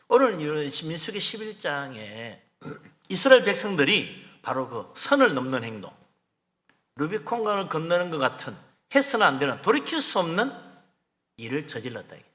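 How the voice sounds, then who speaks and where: A man's voice: medium pitch, a bit bright, big-room sound. A male pastor preaching a midweek Bible sermon in a conversational way, acting out the lines he quotes. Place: church sanctuary.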